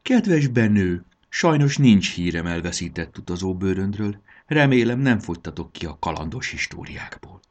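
A man's voice: fairly low pitch, big pitch swings, few pauses. A man reading a storybook aloud and voicing a short-tempered grown man who leads a trip and snaps back indignantly. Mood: polite. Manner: snapping, indignant.

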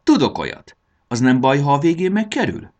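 A man's voice: a little high, wildly swooping pitch, darkish tone, pitched above the performer's own voice. A man reading a storybook aloud and voicing an eager young boy telling a story in an earnest manner.

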